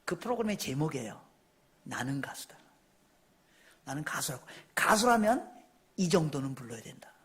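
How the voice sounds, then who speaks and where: A man preaching a Sunday sermon in a church, telling stories and swinging from hushed asides to loud, emphatic passages. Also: fairly high pitch, breathy edge. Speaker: missionary preacher. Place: church sanctuary.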